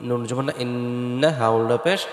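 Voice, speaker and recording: Guy teaching quran reading, spells letters then chants slow, echoey room w long reverb, bit of music. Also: medium pitch. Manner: breaks words into letters, then sings them slowly.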